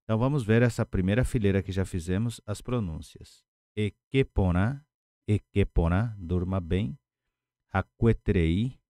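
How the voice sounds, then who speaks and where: Low, dark-voiced man teaching words patiently. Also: creaky, no echo, studio quality. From Paraguay. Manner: patient, repeats words slowly. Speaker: language teacher. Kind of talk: lesson explaining words at a whiteboard.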